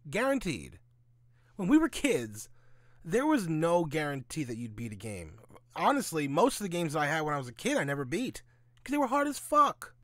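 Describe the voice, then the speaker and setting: This gaming audio-log host has a fairly high, fairly bright male voice, captured without any room sound. He gives casual, blunt opinions laced with swearing and sarcasm, regularly answering his own questions.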